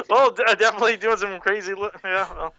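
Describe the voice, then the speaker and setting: A man's voice: high-pitched, fairly quick, bright, forceful tone. A man hosting a podcast, steering the talk in a blunt, self-deprecating way and swearing often. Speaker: podcast host. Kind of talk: casual chat. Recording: dry, dull lo-fi sound.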